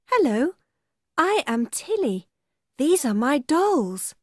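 A woman voicing cheerful young schoolchildren in children's coursebook audio, speaking simply and slowly, as if reading to a toddler. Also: high voice, very animated, dry recording, clean studio sound, exaggerated voice. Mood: cheerful, eager. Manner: slow, simple, clearly spaced delivery, as if reading to a toddler. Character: cheerful young schoolchildren showing off their toys.

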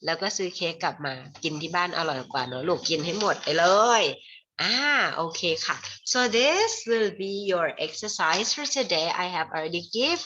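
A woman with a Thai accent teaching English to children in an online lesson, moving between Thai and slow, carefully spelled English and calling the viewers "child". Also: lowish voice, a bit bright, muffled recording.

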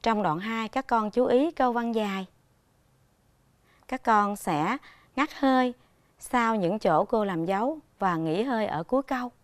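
A woman primary school teacher leads a televised reading lesson for young children. She speaks patiently and instructively, pronouncing every word clearly. Her voice sits fairly high, and the recording is dry and close. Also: unhurried, dry recording.

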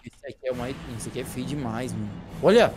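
A young man from Brazil co-playing Minecraft, reacting with loud, excited exclamations. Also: medium pitch, quick pace, soft background music. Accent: Brazilian Portuguese. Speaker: co-player. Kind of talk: Minecraft let's play commentary.

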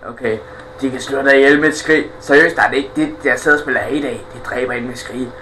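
A man's voice: medium pitch, background noise. A man commentating a horror game, swearing, taunting and joking at the enemies. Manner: loud, crude, taunts enemies. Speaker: gaming YouTuber. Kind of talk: let's play commentary.

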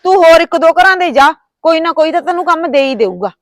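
A woman playing a quick-tongued suspicious village woman. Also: extremely high pitch, animated, no echo, studio quality. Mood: chattering. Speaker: woman of the household.

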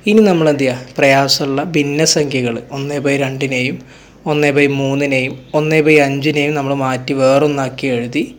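A man's voice: medium pitch, steady tone, normal speed, slight background noise. A man teaching a math lesson, who asks questions and answers them himself as he works through each step. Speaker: exam coaching teacher.

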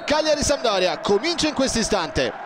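A man commentating on football in breathless, excited goal-call style, shouting and stretching out his words. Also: very high-pitched, brisk. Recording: crowd roar and stadium noise behind. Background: loud stadium crowd.

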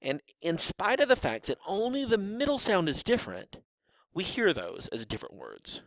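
Lively-voiced man lecturing. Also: high-pitched, dry recording, low-quality recording. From American South. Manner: explanatory, drawn-out example words. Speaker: linguistics lecturer.

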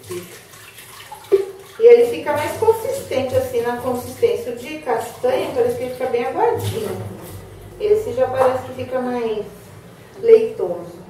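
A woman hosting a cooking demonstration, chatting with viewers and giving her helper quick asides. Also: a little high, mellow, slight background noise. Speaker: cooking show host. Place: kitchen. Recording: echoey room, mic far off.

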